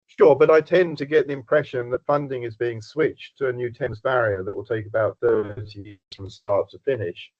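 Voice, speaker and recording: A man's voice: mid-range voice, steady tone, no echo. Man on a video call that keeps breaking up. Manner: hesitant, halting, with restarts. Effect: connection breaking up on a video call. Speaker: webinar attendee asking questions. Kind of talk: online meeting question. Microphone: computer mic on a video call. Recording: dull, lo-fi call audio.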